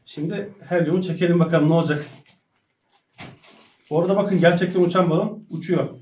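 A woman's voice: on the low side, fairly even intonation, fairly quick, a little mellow. A woman vlogger explaining an experiment casually to camera at home. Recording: roomy, distant mic, faint noise.

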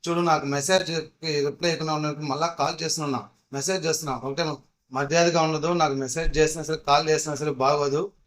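A cold, dismissive young woman who snaps out short, curt lines, as a man puts her on while telling his story. The voice is high-pitched. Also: steady tone, quick pace, a bit bright, lightly acted.

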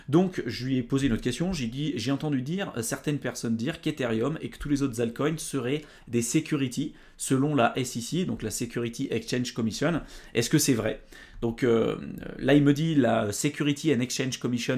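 A man hosts a tutorial and talks his way through text on his screen. He hesitates often, fills gaps with "euh" and restarts his sentences. His pitch sits in a middle range for a man. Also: a little mellow. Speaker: host. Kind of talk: screen-recorded tutorial commentary.

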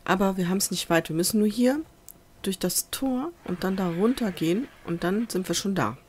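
A woman's voice: medium pitch, normal speed, a little mellow. A woman giving casual let's play commentary, chatting to viewers and muttering to the animals she tames, on a USB desk microphone at home. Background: faint festival noise from outside.

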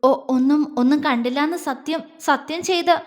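A woman's voice: high voice, moderate pace, big-room sound, natural voice. A woman voicing a shy young wife who speaks timidly and hesitantly.

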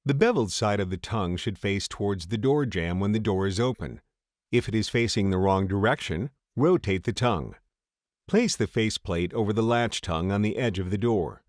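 Low, dry-voiced man narrating a how-to. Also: dry recording. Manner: steady, measured reading of steps. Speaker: tutorial narrator. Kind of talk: scripted instructional voice-over.

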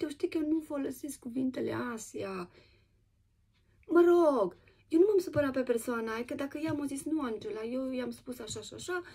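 A Romanian woman shares a personal testimony in a casual, animated manner, using many fillers and restarts. Her voice is a little high, with a breathy edge.

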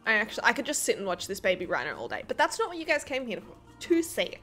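Gushing, excitable young woman streamer. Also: fairly high pitch, fast, faint music behind. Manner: gushing, excitable, laughs often. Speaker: game streamer. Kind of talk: casual gameplay commentary.

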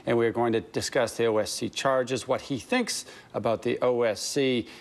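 Male business news anchor, steady live delivery. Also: mid-range voice, normal speed.

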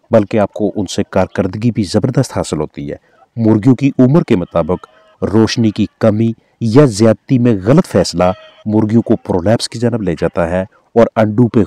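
A man's voice: on the low side, dry recording. A man with a Pakistani Urdu accent, a veterinarian giving formal, instructive, scripted voice-over narration. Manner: formal, instructive, steady delivery.

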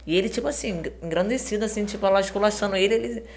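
A woman's voice: mid-range voice, racing. A woman guest on a podcast, casually telling a story in a chatty, slangy way and acting out the quoted dialogue. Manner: heavy slang and fillers.

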